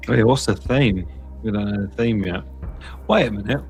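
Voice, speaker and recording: A man's voice: lowish voice, moderate pace, darkish tone. A man taking part in a quiz, talking in a casual, conversational way. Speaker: quiz contestant. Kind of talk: casual chat. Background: faint music.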